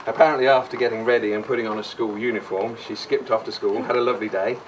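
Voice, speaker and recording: A man's voice: fairly low pitch, fairly even intonation, quick pace. A man gives a rambling best man style wedding speech, jokey and mock-sincere, often digressing. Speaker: wedding speaker, brother of the bride. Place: wedding reception room. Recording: noisy distant live room recording.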